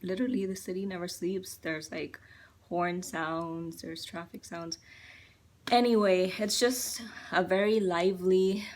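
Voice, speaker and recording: A woman's voice: fairly low pitch, fairly even intonation, measured pace. A young woman from India speaking to camera in a reflective personal monologue, hesitant and full of fillers. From Chennai, India. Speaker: vlogger.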